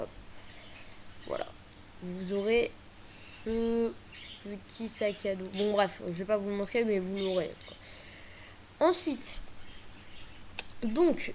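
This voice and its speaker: A woman's voice: medium pitch, a little mellow, slight background noise. A woman chatting casually through a game tutorial, hesitant, with many fillers and restarts. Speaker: gaming video creator.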